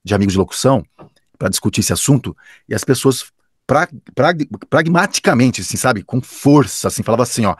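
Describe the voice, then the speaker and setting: A man's voice: mid-range voice, animated, brisk, breathy edge. A man with a Brazilian accent, a professional announcer, answering interview questions with enthusiasm and emphasis, often restarting his sentences. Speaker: professional announcer and radio director.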